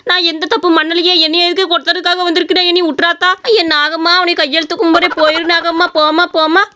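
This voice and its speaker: A woman's voice: very high-pitched, pushed and bright. A woman doing a grumbling old village woman. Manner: grumbling, panicky. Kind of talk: cartoon voice acting.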